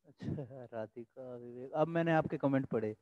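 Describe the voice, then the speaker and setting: A young man teaching an online English class, telling a story in an animated, chatty way and dictating sentences slowly. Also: mid-range voice, dry recording, phone-quality sound.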